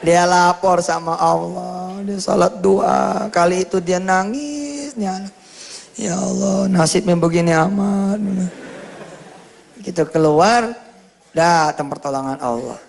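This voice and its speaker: A man from preaching a sermon in a lively storytelling way, acting out the dialogue of his story in changing voices. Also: high-pitched, slow, vocal fry. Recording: echoey hall with long reverb.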